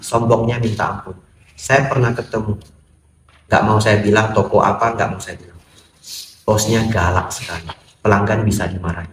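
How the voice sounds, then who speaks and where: Brief: male monk preaching in a roomy hall, heard from some distance, lively storyteller. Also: medium pitch. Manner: lively storytelling, acts out dialogues, jokes with audience. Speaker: Buddhist monk. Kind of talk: Dhamma sermon. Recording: roomy echo, distant mic, faint noise.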